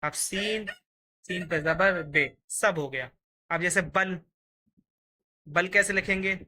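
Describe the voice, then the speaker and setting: Slow patient urdu teacher, bright clear voice, spells out letters one by one. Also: medium pitch, a little hiss or hum. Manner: slow, patient, repeats letters aloud while writing. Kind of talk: step-by-step writing lesson.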